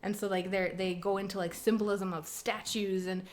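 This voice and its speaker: A young woman from Canada co-hosting a podcast, telling animated stories in casual chat, swearing freely and laughing often. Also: medium pitch, normal speed, slight background noise. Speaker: podcast co-host.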